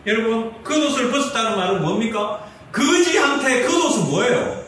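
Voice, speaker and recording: A man's voice: very high voice, expressive, moderate pace, fairly bright tone, distant mic, slight background noise. A man preaching a sermon as pastor, asking the congregation questions and answering them himself. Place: church sanctuary. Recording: echoey hall, mic from afar.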